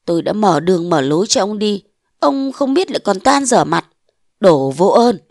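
A woman voicing a bold, scheming young wife of a mandarin, defiant and sharp-tongued, in a storybook reading. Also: mid-range voice, sing-song, moderate pace, creaky, no echo, clean studio sound. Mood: scornful.

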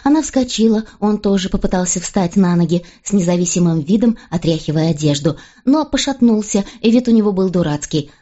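A woman reading a novel aloud as an audiobook narrator, in a steady, even first-person storytelling voice. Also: mid-range voice, a little fast, few pauses, dull audio.

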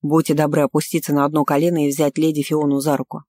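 A man's voice: on the high side, little pitch movement, fast talker, darkish tone, no echo, pitched below the performer's own voice, natural voice. A woman voicing a pedantic male court mage who speaks in formal, lecturing phrases. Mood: solemn.

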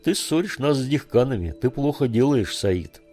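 A man's voice: medium pitch, animated, moderate pace, dark tone, soft background music, voice pushed up, natural voice. A man reading a storybook voicing a grown male companion who scolds in a reproachful way.

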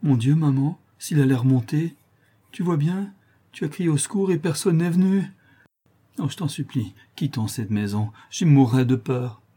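A frightened young girl begs in a trembling voice, as a man puts her on. The husky tone is pitched well above his own. She sounds fragile and afraid. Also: lively intonation, normal speed, warm tone. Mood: fearful. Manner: pleading, tremulous.

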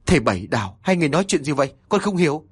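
A man's voice: medium pitch, expressive, fairly quick, breathy edge, voice pushed up. A man voicing a worried young husband who exclaims in alarm in a horror story. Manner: anxious, exclaiming.

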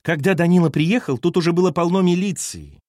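A man putting on a shrill, nervous young pregnant woman. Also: brisk, a little mellow, no room sound, studio quality, natural voice. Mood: desperate. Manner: shrill, cries out in desperation.

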